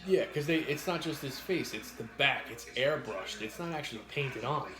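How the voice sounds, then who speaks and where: A man chatting casually as he co-hosts an eating show, with halting, repeated words and some mild swearing. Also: medium pitch, expressive, music in the background. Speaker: mukbang co-host. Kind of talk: casual chat while eating, answering viewers. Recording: roomy, echoey indoor sound.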